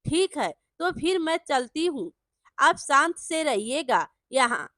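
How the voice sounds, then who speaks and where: A woman voicing an anxious young village wife in a storybook tale, soft and downcast. Her voice is high and bright, the pace slow, close and dry. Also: very animated, no room sound, heavily acted.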